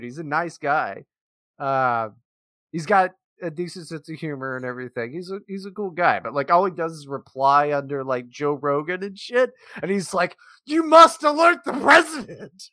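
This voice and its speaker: Animated, bright-voiced young man co-hosting. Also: a little high, no room sound, clean studio sound. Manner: animated, swearing, quick to joke. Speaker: podcast co-host. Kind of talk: casual profane chat.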